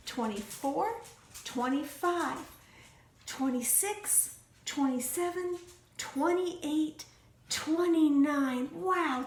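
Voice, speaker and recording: A woman teaching a remote class for young children at home, in a sing-song, encouraging teacher manner. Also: sits high. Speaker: preschool teacher. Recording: echoey room with faint noise.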